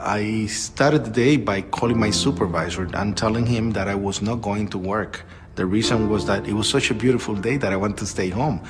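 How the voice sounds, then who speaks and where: Low-voiced man giving calm testimony. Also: moderate pace, music in the background. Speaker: building worker recounting his experience.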